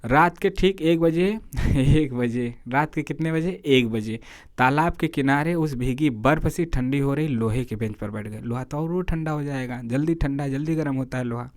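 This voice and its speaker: A man's voice: medium pitch, moderate pace, no echo, studio quality. A man teaching Hindi literature, reading a short story aloud for exam students and stopping often to explain and quiz them. He lifts his voice for the characters' lines.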